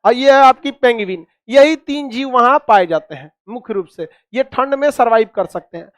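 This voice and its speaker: A man's voice: very high voice, animated, moderate pace, no room sound, clean studio sound. A man teaching a class, quizzing students with repeated questions and cracking jokes. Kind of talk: classroom lecture with call-and-response.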